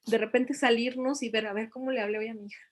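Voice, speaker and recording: A woman's voice: on the high side, fairly even intonation, quick pace. A middle-aged woman, giving a reflective talk to parents and asking them many questions.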